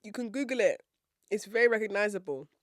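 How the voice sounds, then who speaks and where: A woman's voice: mid-range voice, expressive, quick pace, no echo, clean studio sound. A young woman from Nigeria hosting a podcast, telling a story in a playful, sassy, confident way. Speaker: podcast host. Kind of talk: casual storytelling monologue.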